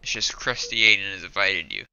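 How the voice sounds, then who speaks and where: A man hosting a casual gaming session, swearing and excitable. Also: sits low, brisk, creaky, dull audio, a little hiss or hum. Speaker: gaming channel host.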